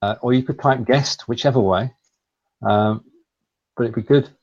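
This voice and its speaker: A man's voice: mid-range voice, normal speed, a little mellow, slightly rough. Lancashire man, slightly dull lo-fi sound. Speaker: live show host. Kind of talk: casual explanatory chat. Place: live video call.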